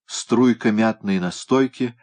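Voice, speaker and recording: A man narrating a story in an even, measured reading voice. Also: fairly low pitch. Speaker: reader. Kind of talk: audiobook narration.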